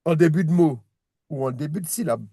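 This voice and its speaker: A man's voice: fairly high pitch, a little fast, warm tone, dry recording, studio quality. A man teaching a one-on-one reading lesson, patient, repeating words and restarting his sentences as he explains. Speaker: Hebrew teacher.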